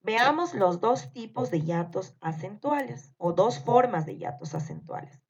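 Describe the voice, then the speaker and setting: A woman teaching a grammar lesson, speaking slowly and deliberately and spelling out syllables one by one. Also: mid-range voice, very animated, breathy edge. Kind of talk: scripted grammar lesson narration. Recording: dull lo-fi recording.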